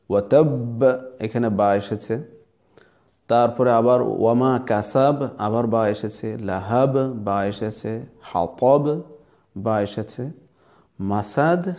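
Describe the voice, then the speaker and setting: A man's voice: medium pitch, darkish tone. A man with a Bangladeshi Bengali accent teaching Quran recitation, sounding out letters and words again and again as he explains. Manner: demonstrates letters and words aloud, repeating them. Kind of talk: slow teaching lesson.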